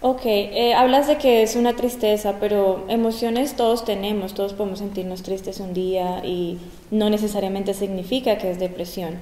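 A woman hosting a community health talk, introducing guests and asking clear questions in a school gym. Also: medium pitch, fairly even intonation, normal speed, hardly any pauses, dark tone, a little hiss or hum. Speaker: host. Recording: roomy echo, long gym reverb.

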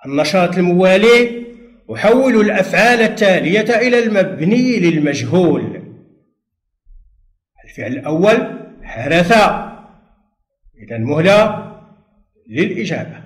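A man teaching a primary school Arabic grammar lesson for television, speaking patiently and drawing out words, with pauses for pupils to answer. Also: high voice, animated, roomy sound. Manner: patient, slow, drawn-out drilling with pauses for answers. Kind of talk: televised distance-learning lesson.

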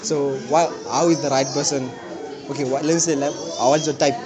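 This young adult man has a fairly high, fairly even voice and a South African accent. Holding a mic, he quizzes passersby on a crowded night street, speaking quickly, joking around and repeating "okay, okay" often while street noise carries on behind.

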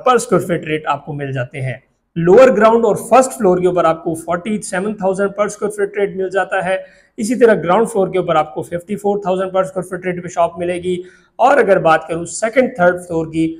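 In an office, a young real estate agent speaks to camera on a lapel mic, laying out property prices in a steady, explanatory sales pitch. He has a Pakistani Urdu accent.

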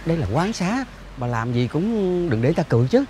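A man's voice: mid-range voice, big pitch swings, brisk, darkish tone, slight background noise, natural voice. An actor playing a grey-haired older man caught cheating, pleading sheepishly, over background music. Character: old grey-haired man chasing young women.

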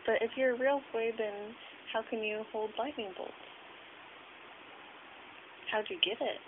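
A woman's voice: on the high side, fairly even intonation, a little slow. A woman chatting casually and playfully, asking short prompting questions and echoing answers back. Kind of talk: casual questioning of a sleep talker. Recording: noisy, hissy, tinny phone-like home recording.

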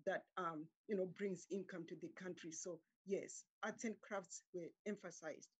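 A middle-aged woman from Zimbabwe, working as a guest artist, gives conversational interview answers in a calm, husky voice that sits on the low side. She speaks in a measured way with frequent "um" pauses. The sound comes from a laptop webcam on a video call in a home room with curtains.

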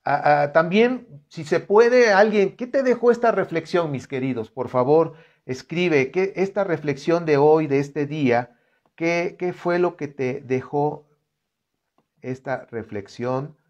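A man's voice: on the high side, slow pace, a little mellow, dull audio. A man leading a live-streamed Bible reflection, reading scripture aloud and talking to viewers in an earnest, conversational way. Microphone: computer setup.

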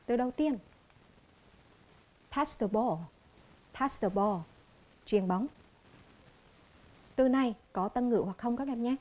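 Vietnamese woman, TV English teacher, warm mellow voice, slow clear drilling of each word. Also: fairly high pitch. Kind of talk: televised classroom lesson.

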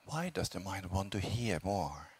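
A meditation teacher who is a Buddhist monk speaks in a low, slightly rough voice. He gives gentle instructions calmly and unhurriedly in short phrases, leaving long pauses between them.

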